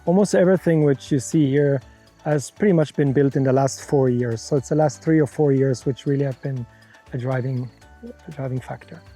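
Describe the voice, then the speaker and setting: A man's voice: medium pitch, a little fast, warm tone, soft background music. A middle-aged man from Europe, founder of a conservation center, answering interview questions frankly and laying out worked examples.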